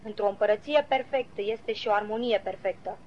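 A woman reading a devotional Bible commentary aloud in a measured, earnest way, citing verses as she goes. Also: mid-range voice. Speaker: Bible teacher. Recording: slightly dull lo-fi recording.

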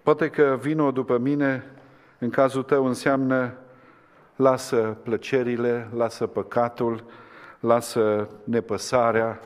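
A man preaching a sermon, swinging between impassioned climaxes and hushed, quiet lines. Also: medium pitch, level tone, clear, resonant tone. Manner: impassioned, rising to fervent climaxes then dropping to hushed tones. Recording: long hall reverb.

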